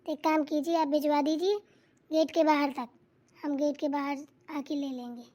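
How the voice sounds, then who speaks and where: A woman's voice: high-pitched, level tone, warm tone, close to an everyday voice. A woman voicing a bossy, meddling young sister-in-law in a cartoon, giving orders and advice. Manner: quick, bossy, advising. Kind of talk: cartoon voice acting.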